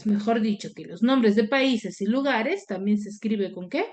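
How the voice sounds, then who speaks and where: A woman's voice: on the high side, moderate pace, a little mellow. A woman teaching an online class. She explains step by step and keeps checking in with her pupils through short questions. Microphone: video call.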